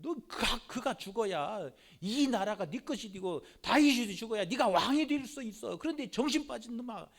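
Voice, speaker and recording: Guy doing an angry old king yelling at his son, loud, high and swinging all over. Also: animated, normal speed, gravelly, hardly any pauses, exaggerated voice. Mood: enraged. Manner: shouting, harsh scolding.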